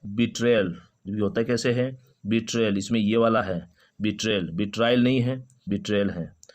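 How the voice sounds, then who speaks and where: A man teaching an English phonetics lesson, repeating each word slowly several times. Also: fairly low pitch, a little mellow.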